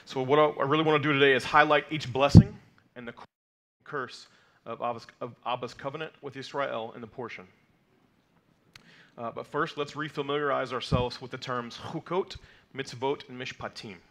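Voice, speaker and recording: A man in his thirties, whose first language isn't Hebrew, teaches the weekly Torah portion from a lectern in a mid-size sanctuary hall. His mid-range voice is steady and a bit bright at a normal speed, and he explains terms patiently, using frequent fillers and "okay?" check-ins with the congregation.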